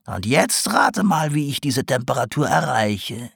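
A man's voice: medium pitch, very animated, unhurried, creaky, fairly bright tone, slightly rough, no room sound, clean studio sound, pitched above the performer's own voice, heavily acted. A man reading an audiobook, voicing a sly female swamp creature potter who talks in a teasing, knowing way. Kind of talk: audiobook character voice.

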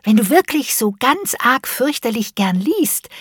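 A woman's voice: on the high side, sing-song, measured pace, a bit bright, husky, dry recording, studio quality, pitched above the performer's own voice, exaggerated voice. A woman doing a curious, pushy little girl. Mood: sly insistent.

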